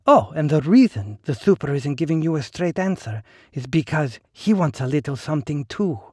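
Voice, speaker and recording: Brief: sly woman fixer, smooth and teasing, pitched well up, thin dry sound, put on by a male narrator. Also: sing-song, moderate pace, darkish tone, dry recording. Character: sly elegant woman fixer, amused, worldly.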